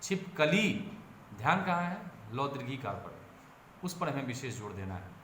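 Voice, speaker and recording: A man from India lectures on teaching methods, explaining patiently, restarting phrases and leaning on example words to show stress. His voice sits at a middle pitch. It was recorded in an echoey space with a faint ambient hum underneath. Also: big pitch swings, normal speed, a bit bright. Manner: explanatory, repeats and self-corrects, stresses example words aloud. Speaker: education lecturer. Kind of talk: classroom-style lecture. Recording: roomy echo, faint ambience.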